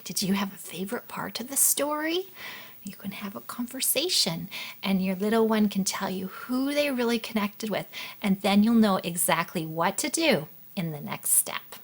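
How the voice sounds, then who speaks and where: Lively, playful woman teacher. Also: medium pitch. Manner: playful and animated, with soft whispered asides. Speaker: preschool piano teacher. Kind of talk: teaching demonstration, reading a picture book aloud.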